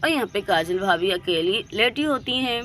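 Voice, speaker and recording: A woman's voice: medium pitch, lively intonation, normal speed, a bit bright, slight background noise. A woman narrating a moral story for children in a friendly, plain storytelling voice. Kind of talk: scripted narration.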